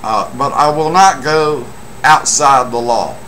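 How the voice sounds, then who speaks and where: A middle-aged American man, a CB radio hobbyist vlogger, delivers a casual monologue to camera from a small room at home. He speaks slowly at a medium pitch with a sharp tone, emphatic and boastful, phrasing things deliberately. The webcam recording is noisy.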